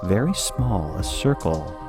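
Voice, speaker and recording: A man narrating a scripted spooky podcast story in a measured, wry manner. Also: fairly low pitch, big pitch swings, over music.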